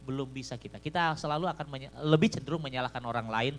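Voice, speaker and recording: A man preaching a sermon, swinging from loud, fervent passages to soft storytelling and repeating a fond address to his listeners. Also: medium pitch, rapid-fire. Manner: repeats "beloved in the Lord" as a refrain. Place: church service. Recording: live stream with faint hum.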